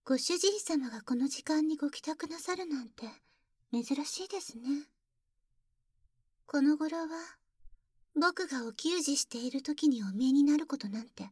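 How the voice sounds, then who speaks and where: High, dry-voiced young maid, formal then sly, whispering at the ear, played by a woman. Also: no echo. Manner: soft ear-close whispering; very formal, deferential speech with teasing jabs. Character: polite, jealous young maid who calls herself boku. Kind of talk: ASMR roleplay audio drama.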